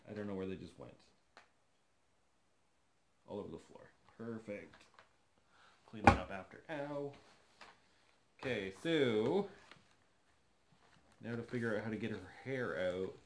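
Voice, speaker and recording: This man in his thirties, a doll-collecting vlogger, sits on the sofa in his living room unboxing a doll. He talks slowly in a lowish, animated voice, pausing often, with slight background noise; the chat is casual, eager and thought out loud.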